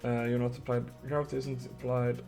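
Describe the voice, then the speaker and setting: Gravelly Swedish man streaming game dev. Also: mid-range voice, little pitch movement, fairly quick, a little mellow, faint music behind. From Sweden. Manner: muttering while coding, swearing, chatting with viewers. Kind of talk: casual live-coding stream.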